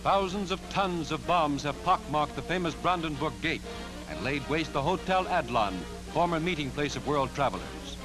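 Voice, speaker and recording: On an archival soundtrack, an American man with a fairly high voice narrates a scripted 1940s newsreel in a dramatic, declamatory style. The audio quality is poor, and loud orchestral newsreel music plays behind him.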